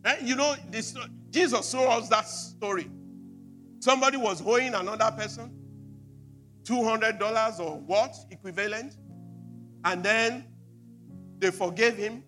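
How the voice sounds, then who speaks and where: A man preaching a sermon as pastor, repeating words with emphasis and swinging from loud to quiet. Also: sits high, unhurried, pauses often, faint music behind. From Nigeria.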